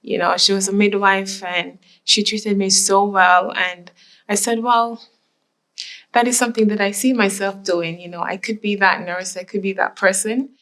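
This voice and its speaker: A woman's voice: medium pitch, fairly even intonation, moderate pace, a bit bright. A woman from Jamaica reflecting on her life in an oral history interview, often saying "you know". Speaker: interviewee, nurse.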